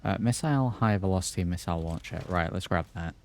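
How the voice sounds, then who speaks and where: A man's voice: low voice, fast. A man giving casual, off-the-cuff commentary while he plays a video game. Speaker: gaming video host. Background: faint game music.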